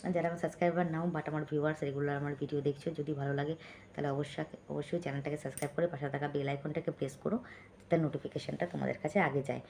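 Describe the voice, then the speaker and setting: A woman vlogger speaking softly right up close to her phone late at night at home, chatting with viewers and reading out their comments. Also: deep voice, fairly even intonation, very fast, creaky, a little hiss or hum. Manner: chatty, keeps checking in with listeners. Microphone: phone held close.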